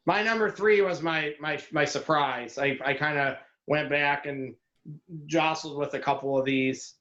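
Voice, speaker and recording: Animated, opinionated male co-host, slightly high voice, roomy lo-fi recording. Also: a little slow. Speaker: podcast co-host. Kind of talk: casual chat. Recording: echoey, dull lo-fi sound.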